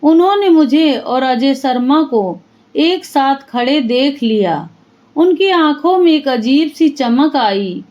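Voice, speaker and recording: A woman narrating a dramatic family story in the first person, with steady, emotional storytelling. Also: sits high, takes it slowly, highs cut off.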